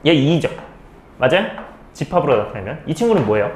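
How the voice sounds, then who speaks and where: A male math teacher explains a lesson with a lively, rising and falling voice and a slightly raised pitch. He keeps checking in with his students, asking questions and then answering them himself. The recording has a roomy echo and a faint hiss of background noise. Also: quick pace.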